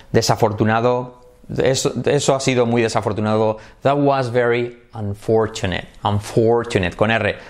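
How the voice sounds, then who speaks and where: A man hosts a casual pronunciation lesson for viewers. His voice is upbeat and lively. He switches between languages and slowly repeats practice words. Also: medium pitch. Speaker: English pronunciation teacher.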